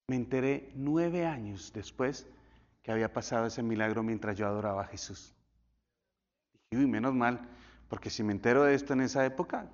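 A male pastor telling stories in a sermon, swinging from loud, high bursts to hushed, near-whispered lines. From Colombia. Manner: animated storytelling with sudden drops to near whisper. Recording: dull echoey church hall.

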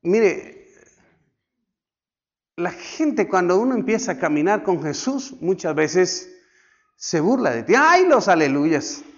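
A man preaching a sermon to his congregation, swinging between loud outbursts and hushed, slow lines, acting out quoted voices. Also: high-pitched, very animated, highs cut off. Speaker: pastor.

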